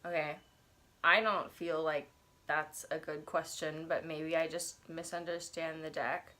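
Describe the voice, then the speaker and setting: A bright, forceful voice that sits low, with a flat delivery and a slightly slow pace, belongs to a young woman in her twenties congested from allergies. As a tarot and oracle deck reviewer, she chats casually while unboxing an oracle deck in her cluttered bedroom, thinking aloud, wandering into asides, and reading passages aloud.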